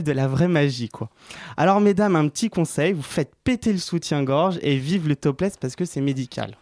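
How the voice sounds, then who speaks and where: A man's voice: fairly high pitch, a little mellow, no room sound, clean studio sound. Jokey man hosting a radio health column. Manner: jokey, chatty, laughs often. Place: radio studio. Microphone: studio microphone.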